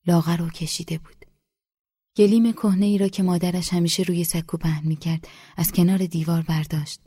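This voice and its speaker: A woman narrates a literary audiobook in a calm, measured voice. Her tone is low, dark and slightly husky. The recording is close and dry. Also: no echo.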